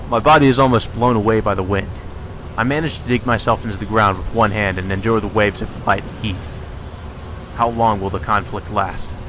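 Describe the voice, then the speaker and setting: This let's play features a man narrating a visual novel and tossing in crude, sweary commentary on the fly. He talks fairly quickly in a steady, fairly low voice over some background noise.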